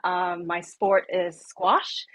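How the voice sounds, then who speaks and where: Low-voiced woman from Malaysia. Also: flat delivery, a bit bright. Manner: halting, many ums, laughs easily. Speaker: squash coach on a panel. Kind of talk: panel discussion.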